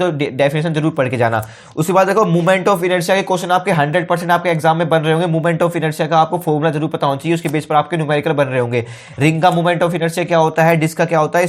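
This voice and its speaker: A young man teaching exam tips in a brisk, informal way, often saying okay. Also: a little high.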